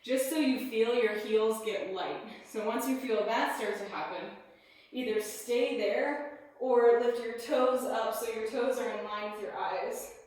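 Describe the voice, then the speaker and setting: A woman leading a yoga class, giving calm step-by-step cues and sounding a little out of breath as she moves through the poses. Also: fairly high pitch, a little slow. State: slightly out of breath. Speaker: yoga instructor. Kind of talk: guided yoga class instruction. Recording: very echoey room.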